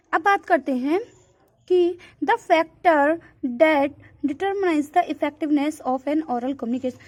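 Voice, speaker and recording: A woman's voice: high voice, darkish tone. A woman teacher giving a classroom lecture in Hindi, mixing in terms and calling her students "beta". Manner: mixes English terms into Hindi, calls students beta, repeats "theek hai". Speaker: school teacher. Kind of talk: classroom lecture explaining from a textbook.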